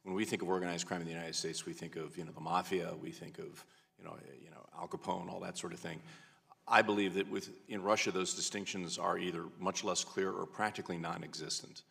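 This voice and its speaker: Deep, gravelly man giving testimony. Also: fairly even intonation, brisk, a bit bright. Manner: explanatory, colloquial. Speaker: expert witness. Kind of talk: conversational testimony. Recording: reverberant hearing hall.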